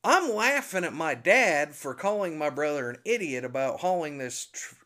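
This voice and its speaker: A man's voice: a little high, moderate pace. A man, a pastor hosting a podcast, telling a comic family story in a casual way, laughing along and mimicking his parents' voices. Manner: animated, laughs through his own story.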